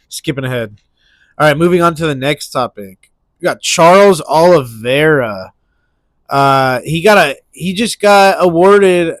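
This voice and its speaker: With a fairly high, somewhat bright voice and a blocked nose, a man rambles through casual sports talk as the lone host of an MMA commentary channel. He keeps restarting and using fillers. No echo is present.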